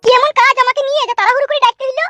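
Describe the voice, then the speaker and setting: A woman voicing a pushy young village wife, squeaky and insistent, in a comic cartoon. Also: steady tone, very fast, bright, forceful tone, no echo, soft background music.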